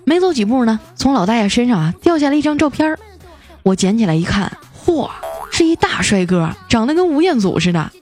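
A young woman hosts a comedy podcast, delivering scripted comic storytelling with playful punchline timing. Her slightly high, darkish voice is very animated and fairly quick, with soft music in the background.

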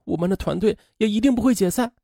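A man voicing a tearful, coy young female student in a soft, breathy voice. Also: high voice, normal speed, no room sound, clean studio sound, pitched above the performer's own voice. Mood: choked up. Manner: coy, teasing.

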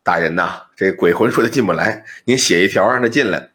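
A man's voice: low voice, a little fast, a bit bright, voice pushed down. A man playing a flustered poor old man who begs an official and grumbles at a talking pot. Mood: pleading.

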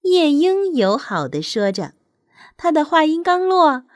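Gentle, high-voiced woman storyteller. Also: sing-song, unhurried, no room sound, clean studio sound. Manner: gentle, soothing, motherly. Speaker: children's storyteller. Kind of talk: bedtime story narration.

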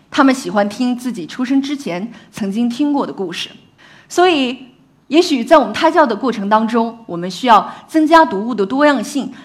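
Lively woman giving a science talk. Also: a little high. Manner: lively, engaging, asks the audience rhetorical questions.

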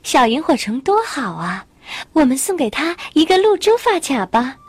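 Woman voicing a high, earnest little flower. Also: big pitch swings, moderate pace, no room sound. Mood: kindly. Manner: childlike, earnest. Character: small gentle pleading little flower.

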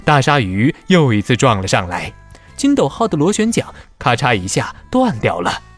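A man narrating a scripted children's story in a dramatic, expressive way. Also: medium pitch, moderate pace, faint music behind.

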